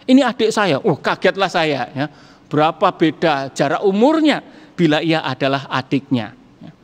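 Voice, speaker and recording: Middle-aged male pastor, conversational sermon storyteller, slightly high voice, long hall echo. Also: very animated, moderate pace. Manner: conversational, acts out dialogue in a story. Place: church hall.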